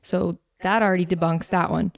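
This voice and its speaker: A woman co-hosting a casual faith-based discussion, talking conversationally with fillers and quick asides. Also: lowish voice, fairly even intonation, gravelly, no room sound, studio quality. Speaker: podcast co-host.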